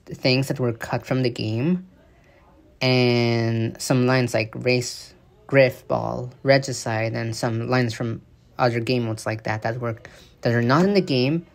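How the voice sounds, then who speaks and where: A gaming news creator with a medium-pitched, vocal-fry voice talks loosely over gameplay footage about new update features. His casual explanation is full of fillers and restarts.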